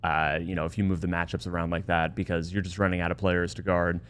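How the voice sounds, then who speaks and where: A man's voice: deep voice, level tone, fast, fairly bright tone, clean tone. A man co-hosting a sports podcast, giving thoughtful analysis and often stammering and restarting his words. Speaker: podcast co-host.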